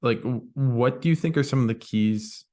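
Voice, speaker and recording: A man hosting a podcast interview who asks casual questions and keeps affirming his guest with quick yeahs. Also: mid-range voice, a little mellow. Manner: friendly, affirming, frequent "yeah" and backchannels. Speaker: podcast host.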